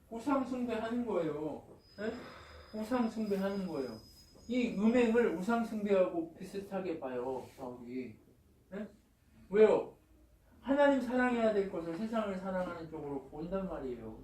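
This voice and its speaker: A man's voice: high-pitched, a little mellow, slight background noise. A man preaching a sermon as pastor. He keeps asking the congregation questions and answering them himself, and retells Paul's words in blunt casual speech. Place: church sanctuary. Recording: roomy, from a distance.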